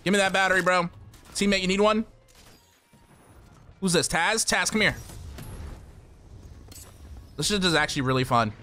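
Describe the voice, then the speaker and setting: A young man giving excitable live commentary while streaming a shooter game, swearing casually and talking to his chat and teammates. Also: high-pitched, normal speed, long pauses, soft background music. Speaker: gaming streamer.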